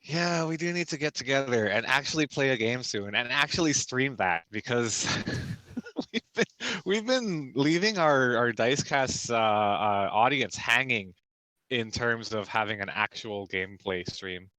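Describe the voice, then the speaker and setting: Young man, from the Philippines, bright tone, dry sound, relaxed chat. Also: mid-range voice, measured pace, no room sound, rough recording. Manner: relaxed, chatty, laughs often. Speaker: co-host. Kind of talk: casual chat about tabletop games. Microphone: voice call while driving.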